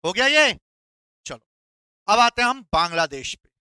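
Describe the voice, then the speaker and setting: A man's voice: sits high, sing-song, a little slow, bright, forceful tone, clear, resonant tone, no room sound. A male teacher giving a classroom lecture, playful and quizzing his students with call-and-response questions.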